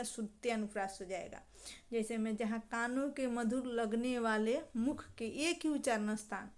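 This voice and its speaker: A woman teaching a grammar lesson, posing questions and answering them herself, and reciting verse examples slowly. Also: on the high side. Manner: explanatory, asks and answers own questions.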